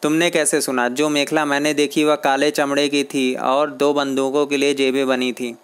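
A man reading a comic aloud, voicing a sleepy, easily startled gentleman clubgoer in a plain, level way. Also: mid-range voice, flat delivery, normal speed, clear, resonant tone, natural voice. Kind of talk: comic book read aloud.

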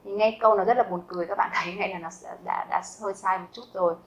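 A Vietnamese woman talks through a German grammar lesson at a steady, mid-pitched level. She explains each rule patiently and asks her students rhetorical questions. She slows right down to say each example sentence twice. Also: poor audio. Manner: repeats example sentences slowly and carefully. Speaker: German teacher.

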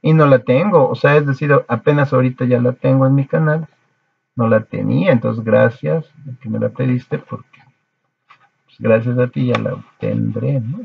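A man's voice: mid-range voice, steady tone, moderate pace, gravelly, breathy edge, narrow, tinny audio. A man with a Mexican accent chatting casually to his viewers between cover songs, rambling and correcting himself as he goes. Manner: rambling, self-correcting, chuckling. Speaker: YouTube cover musician.

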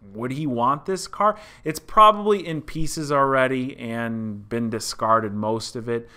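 A man's voice: mid-range voice, unhurried, sharp tone, smooth. A man in his thirties hosting a car channel, talking viewers through a story in a chatty, explanatory way from a room indoors. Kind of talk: casual vlog commentary. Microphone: desk mic in front.

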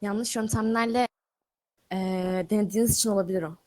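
A woman playing a doctor in game roleplay, giving advice in a calm, drawn-out way. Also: mid-range voice, dry recording, studio quality. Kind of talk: in-character game role-play.

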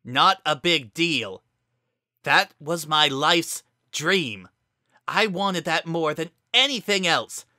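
A narrator voicing an injured young female pegasus pony who is bitter and fiery, raised high and loud. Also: animated, moderate pace, no echo, studio quality. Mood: furious.

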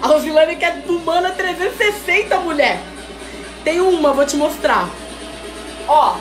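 A high-pitched woman hosting a live sales stream, chatty and teasing as she reads out viewer comments. Her voice rings in an echoey room with faint music behind. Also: measured pace. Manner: lively, chatty and teasing, calls viewers "mulher". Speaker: host selling wigs on a live stream. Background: faint background music.

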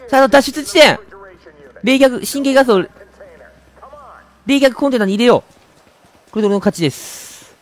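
A man giving chatty, excitable let's-play commentary while playing a video game, laughing often. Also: extremely high pitch, moderate pace, pauses often, faint music behind. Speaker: game streamer.

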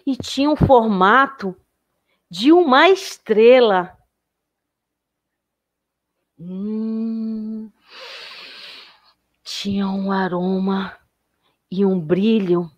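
Slow, gentle woman telling a children's story. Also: medium pitch, expressive. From Brazil. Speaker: educator and storyteller.

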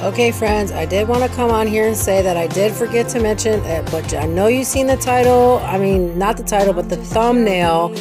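A woman's voice: medium pitch, normal speed, few pauses, loud music behind the voice. A woman in her thirties chatting casually to viewers while cleaning her small home kitchen, rambling with fillers. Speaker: cleaning vlogger. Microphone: phone camera nearby.

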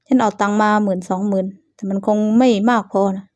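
A woman's voice: medium pitch, fairly even intonation, fast, a little mellow, lightly acted. A woman voicing a weak-willed young man who talks evasively and half-apologetically. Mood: apologetic.

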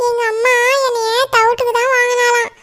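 A shrill, tearful little girl. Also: completely flat delivery, a little fast, a bit bright. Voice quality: shrill, whiny childlike voice. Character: crying little village girl, gullible. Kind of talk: cartoon voice acting.

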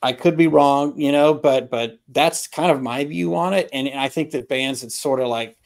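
A middle-aged man on an album review panel talks casually about music over a video call, sitting indoors in a room at home with records. He speaks at an ordinary male pitch, halting and opinionated, and clears his throat often.

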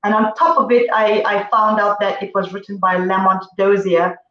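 A woman's voice: medium pitch, flat delivery, normal speed, fairly bright tone. A middle-aged woman from Zambia, guest singer on a video call, telling stories casually with lots of fillers. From Zambia, grew up in Zimbabwe. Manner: chatty, storytelling with many fillers. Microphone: distant laptop mic on video call. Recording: roomy, distant, dull video call audio.

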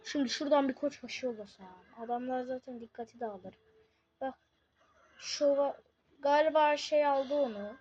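A woman giving casual live commentary on her own game, excitable, swinging from muttering to shouting. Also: high voice, moderate pace, husky, dull audio.

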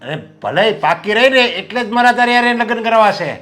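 A man's voice: high voice, animated, a little fast, pushed and bright, faint music behind. An actor playing a stubborn, traditional middle-aged father who lectures his son firmly about marriage and family. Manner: firm, lecturing, proverb-like reasoning.

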